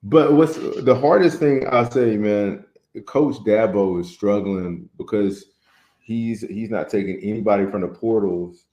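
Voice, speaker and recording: Mellow low-voiced man, echoey room. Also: a little slow. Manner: animated, opinionated, says "man" a lot. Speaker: podcast co-host. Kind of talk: casual sports chat.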